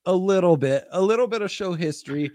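A man's voice: sits high, animated, fast talker, darkish tone, dry recording. A man co-hosting a sports show in casual, wry chat, often repeating phrases for emphasis. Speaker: sports podcast co-host.

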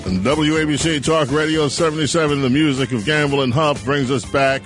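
A man hosts a call-in talk radio show, speaking enthusiastically and drifting into rambling tangents. His fairly high voice moves briskly over music and is picked up on a studio microphone.

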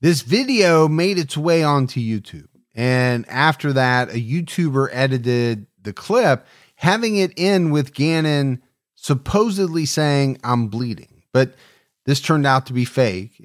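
A man's voice: mid-range voice, expressive, a little slow. A man co-hosting a podcast, reading a true crime story and adding his own opinions, with shifting emphasis. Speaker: podcast co-host. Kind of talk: scripted true crime narration.

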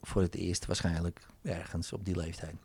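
Low, mellow man explaining. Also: normal speed, vocal fry, breathy edge, dry recording. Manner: animated storytelling, acting out client dialogues. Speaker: hypnotherapist. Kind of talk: casual interview talk.

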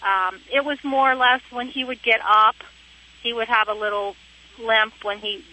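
Bright woman caller heard over the phone. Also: a little high, steady tone, normal speed. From Pennsylvania. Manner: chatty, explains in long rambling detail. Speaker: radio show caller. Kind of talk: casual call-in chat. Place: in her car. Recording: dull, lo-fi phone line.

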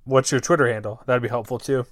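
A man's voice: mid-range voice, steady tone, fast. A man hosting a casual sports podcast, upbeat and joking, laughing often. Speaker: podcast host.

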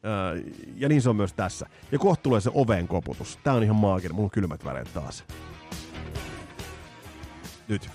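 Rambling Finnish podcast host, lively voice. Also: male voice, fairly low pitch, pauses often. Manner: rambling, many fillers and restarts. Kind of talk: casual music podcast commentary. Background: faint music.

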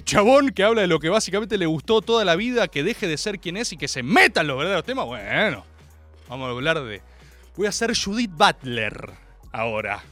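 A man's voice: sits high, fairly bright tone. A young man with a Rioplatense Spanish accent hosting a comedy radio show from a studio. He delivers a mock-serious, exaggerated ironic rant. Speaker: radio host. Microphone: studio microphone.

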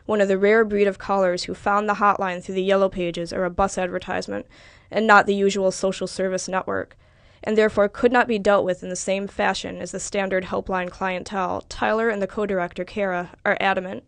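A woman reads literary fiction aloud in a measured, even way. Her voice sits at a middle pitch. The recording is close and dry, with no room echo. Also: gravelly, clean tone. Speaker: reader.

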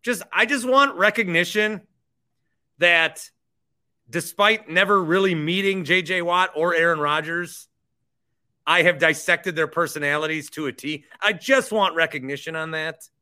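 Pitched a little high, this host's voice is pushed and bright, and his pace is measured. On his sports podcast he shares opinions casually, drives points home through repetition, and reads sponsor spots.

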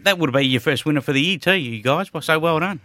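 Bright-voiced Australian man bantering. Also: on the high side, animated, fast, dry recording. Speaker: radio show co-host. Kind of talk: casual racing banter. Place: radio studio.

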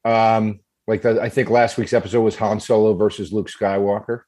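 A man's voice: on the low side, little pitch movement, normal speed, a little mellow. Regular guy guest, easygoing, just talking about his shows. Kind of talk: casual chat.

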